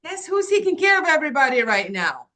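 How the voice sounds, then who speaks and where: Quick and forceful, her high, bright voice swings widely in pitch. She is a Moroccan woman in her fifties who founded an agency, sharing her life story as an interview guest in an earnest, reflective way full of "um"s and "like"s.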